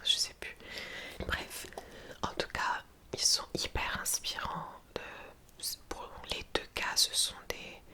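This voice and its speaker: A woman whispering softly and breathily, as in a library, in an informal, hesitant ASMR chat presenting books. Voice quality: soft, breathy unvoiced whisper.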